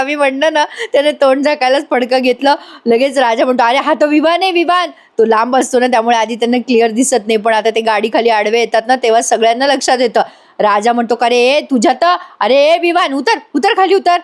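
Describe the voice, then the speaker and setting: A woman narrating a TV serial recap in a chatty voice-over, dropping chuckling asides to her viewers. Her voice sits high. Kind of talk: casual retelling of a TV serial episode.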